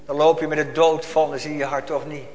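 A man's voice: on the high side, little pitch movement, fairly quick, a little mellow, a little hiss or hum. A man preaching a solemn, urgent sermon full of rhetorical questions to his congregation. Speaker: pastor. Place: church. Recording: long reverb of a church hall.

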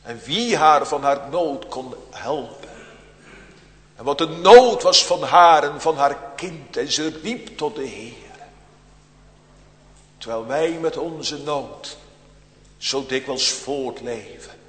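Male preacher, slow and solemn, dramatic swings from loud to hushed, long church echo. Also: fairly high pitch, expressive. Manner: swings between loud emphatic calls and hushed near-whispers; solemn, deliberate phrasing with dramatic pauses. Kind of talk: sermon.

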